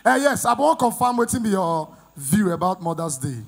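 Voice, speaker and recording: A man with a Nigerian Pidgin accent putting quick questions to a comedian. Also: high voice, sing-song, gravelly, slightly rough. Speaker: interviewer asking questions.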